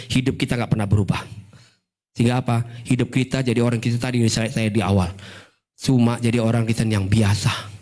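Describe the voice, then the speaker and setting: A man preaching a Sunday sermon in church as pastor, animated and often jumping into a high, excited voice. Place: church service.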